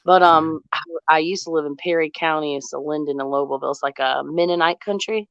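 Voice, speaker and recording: A podcast host in her thirties from the Boston area, raised in Tennessee, chats casually with a group over the internet, laughing often in a mild Southern accent. Her low, resonant voice is clear and fast. The recording is dry, with the highs cut off.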